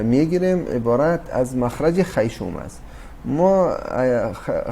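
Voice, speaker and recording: In a recorded lesson on Quran recitation, a man of medium pitch and dark tone patiently explains, using fillers and restarts and addressing his audience as dear brothers and sisters. There's slight background noise.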